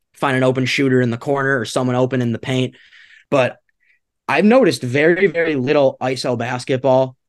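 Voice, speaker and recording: A man's voice: mid-range voice, no echo, clean studio sound. A man co-hosting a sports podcast, upbeat and casual, chuckling between phrases. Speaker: podcast co-host.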